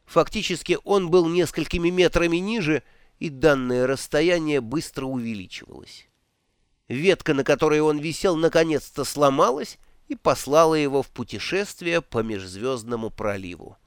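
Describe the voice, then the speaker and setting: A man narrating a fantasy audiobook in an expressive, theatrical reading style. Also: on the high side, moderate pace, clear, resonant tone, no echo, clean studio sound. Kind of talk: scripted narration.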